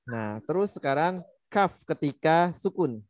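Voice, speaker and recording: A man's voice: on the high side, expressive, a little slow, no room sound. A man teaching Quran recitation in an online class, patiently demonstrating each letter sound over and over. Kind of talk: online tajwid lesson.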